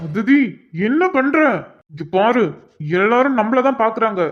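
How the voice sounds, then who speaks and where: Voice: mid-range voice, moderate pace, soft background music, close to an everyday voice. A voice actor playing a flustered young man in a cartoon, urgently pleading with a crying girl to go away. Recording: dull lo-fi recording.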